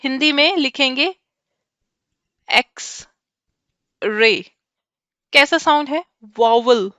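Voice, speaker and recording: Indian woman teacher, high and bright, runs a class quiz and calls on students by name. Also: takes it slowly, no room sound. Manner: mixes Hindi and English, quizzes students by name. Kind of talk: online class lesson.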